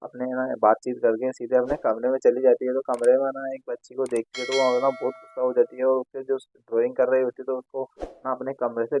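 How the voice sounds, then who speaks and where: With a medium-pitched voice, a man narrates a casual recap of a TV serial episode, full of fillers and restarts as he rambles along. The sound is dry and tinny, like a phone, with no room echo.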